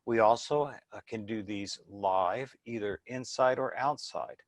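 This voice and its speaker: Male business presenter, slightly low voice, dry close sound, informal and explanatory. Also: measured pace, dry recording.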